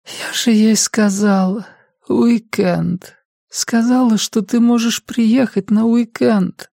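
A man voicing a weak, bedridden elderly mother who speaks faintly and slowly in a tender, whispery voice. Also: high voice, fairly even intonation, gravelly, dark tone, no echo, studio quality, pitched above the performer's own voice, full character voice.

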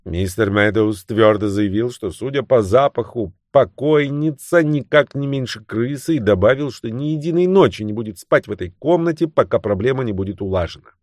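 A man reading a novel aloud as an audiobook narrator, expressive and voicing the characters' lines. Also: mid-range voice, normal speed, few pauses, no echo, clean studio sound. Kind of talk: scripted narration.

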